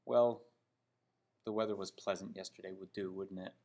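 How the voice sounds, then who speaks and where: Speaking with a Canadian accent, a man from Toronto teaches English by critiquing example sentences, using an emphatic, didactic style full of check-in questions. His voice is low and a little mellow, with fairly even intonation at normal speed.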